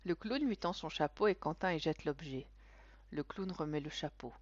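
A woman narrating a storybook with an expressive, animated reading. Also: low voice, moderate pace, no room sound. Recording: dull, dry recording.

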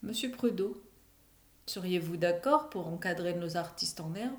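A woman's voice: lowish voice, animated, measured pace. A woman reading aloud, voicing a stern, dry-toned male orphanage director in a storybook. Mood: formal.

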